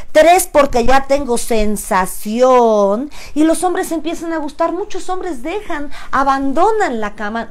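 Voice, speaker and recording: A middle-aged woman with a Mexican accent, hosting a frank, playful live talk as a sexuality educator. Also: fairly high pitch. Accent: Mexican Spanish. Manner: animated, playful, frank and chatty.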